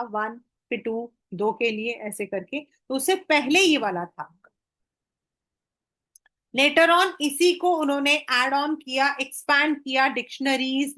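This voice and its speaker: Slow, high-voiced Indian woman teaching. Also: fairly bright tone. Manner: mixes Hindi and English, slows way down on English phrases. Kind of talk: exam-prep history lesson.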